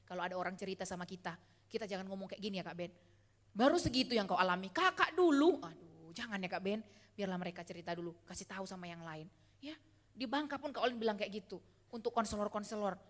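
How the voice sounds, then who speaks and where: A woman preaches a lively sermon in a church hall, her fairly high, bright voice carrying a long reverb. She talks in a chatty, teasing way and keeps asking the congregation to answer her.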